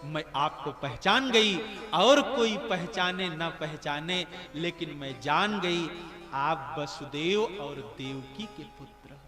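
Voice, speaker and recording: A man's voice: a little high, slow. A man voicing a grieving, devout widowed queen mother who pleads tearfully with her lord. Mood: pleading devotion. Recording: echoey hall with music behind.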